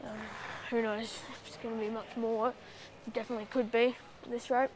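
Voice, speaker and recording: A woman's voice: on the high side, level tone, brisk, noisy background. A woman giving casual travel vlog commentary with dry, sarcastic asides, recorded on a handheld camera. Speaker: travel vlogger. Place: airport terminal and plane cabin.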